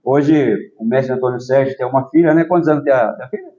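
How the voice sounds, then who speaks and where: Brazilian interview host, mellow tone. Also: male voice, medium pitch, quick pace. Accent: Brazilian Portuguese. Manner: friendly, prompting with frequent "né?". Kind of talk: casual interview. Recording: slightly dull lo-fi audio.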